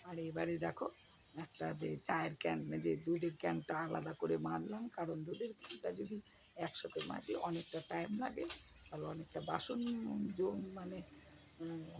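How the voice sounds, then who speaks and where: A hoarse woman vlogging casually at home, chatting straight to her viewers with many fillers. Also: lowish voice. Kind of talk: casual home vlog narration. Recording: noisy home recording.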